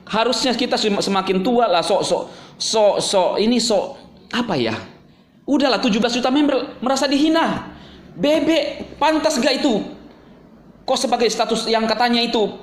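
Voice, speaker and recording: A man's voice: very high voice, roomy sound. A man hosting his own channel, delivering a scolding, sarcastic rant straight at a rival. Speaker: YouTube channel host. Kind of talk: angry ranting monologue to camera.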